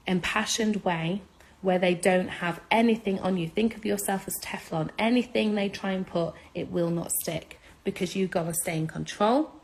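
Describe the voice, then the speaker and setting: A woman talking straight to her followers, urgent and insistent. Her voice sits at an ordinary middle pitch. She hammers her points home by repeating them. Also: poor audio. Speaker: social media speaker. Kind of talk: impassioned advice monologue.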